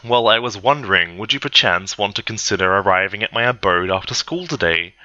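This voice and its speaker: A smooth, stiffly formal teenage vampire boy speaks in an even, lowish voice, as a man plays him. His phrasing is stilted and overly polite. The sound is dull and dry. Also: a little fast, no room sound. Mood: suave.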